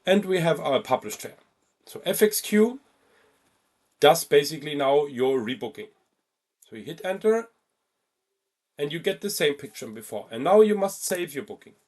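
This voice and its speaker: A man who teaches travel booking software walks through an informal, step-by-step tutorial, sometimes halting and repeating key points to stress them. His voice is fairly high and sing-song.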